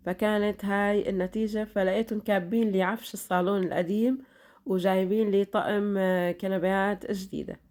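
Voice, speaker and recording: A woman's voice: medium pitch, steady tone, brisk, a little mellow. A middle-aged woman with a Levantine Arabic accent chatting to her followers in a vlog, her voice still tired after an illness, chatty and full of blessings. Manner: chatty, repeats blessings and fillers. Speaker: vlogger. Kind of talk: casual chat to followers.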